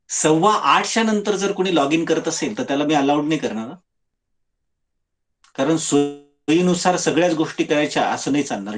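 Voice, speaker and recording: A man teaching an online class, spelling words letter by letter and laying down firm rules. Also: on the high side. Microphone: video call.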